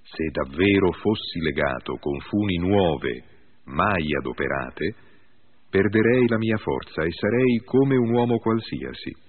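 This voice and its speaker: Samson, read by a deep-voiced man. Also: expressive, measured pace, breathy edge, exaggerated voice. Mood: solemn. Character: mighty long-haired strongman Samson. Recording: tinny phone-like audio.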